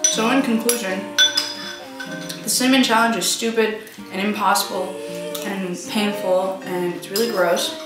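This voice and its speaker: A woman's voice: medium pitch, fairly even intonation, normal speed, pauses often, over loud music. A young woman chatting casually as a giggly, nervous challenge vlogger in a home kitchen. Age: young adult. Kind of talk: casual chat. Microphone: camera mic a few feet away. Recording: echoey kitchen, far mic, background noise.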